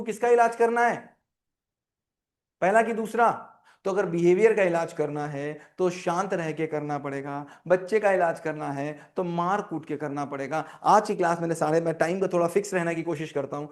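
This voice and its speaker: A man coaching parents in an online class, lively and full of rhetorical questions, acting out parents' scolding. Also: high-pitched.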